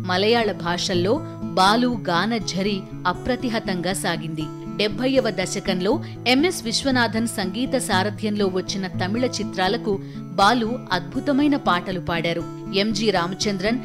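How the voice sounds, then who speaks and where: A woman narrates a television documentary in a measured, formal storytelling delivery. Her pitch sits in the middle range. Loud music plays behind her throughout.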